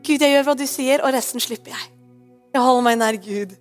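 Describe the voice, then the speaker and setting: Chatty woman pastor, higher voice. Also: faint music behind. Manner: chatty, often asks "right?"; slips English phrases in. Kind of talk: sermon.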